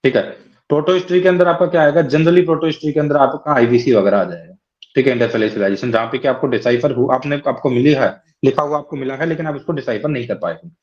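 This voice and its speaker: A man's voice: mid-range voice, fast, a little mellow, dull audio. A man teaching a class lecture, explaining step by step and often checking in with his listeners.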